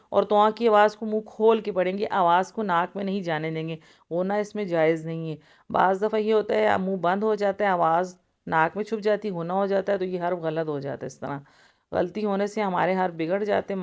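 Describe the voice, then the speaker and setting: A woman teaches the rules of Quran recitation in a smooth, clear voice. She explains each letter patiently, step by step, and draws out the recited sounds at length. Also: mid-range voice, a little mellow. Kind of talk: tajweed lesson, explaining and reciting.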